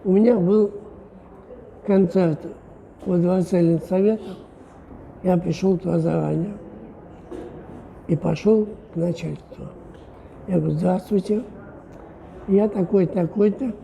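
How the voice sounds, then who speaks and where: A man's voice: high voice, steady tone, unhurried, creaky, long pauses, warm tone, a little hiss or hum, poor audio. A man, a mime artist, tells a story in an interview and acts out the quoted dialogue.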